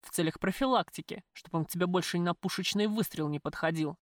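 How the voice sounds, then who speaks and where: A woman reading an audiobook, voicing a coarse, possessive male gang boss who talks in rough slang. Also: fairly low pitch, fast talker, dry recording, studio quality, lightly acted. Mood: justifying.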